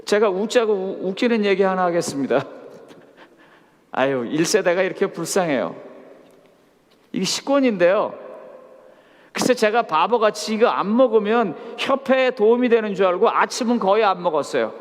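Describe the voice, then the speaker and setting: Korean pastor preaching in a reverberant hall. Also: male voice, high voice, expressive, normal speed, long pauses. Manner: storytelling with humor, acts out quoted dialogue. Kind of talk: sermon. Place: camp meeting hall.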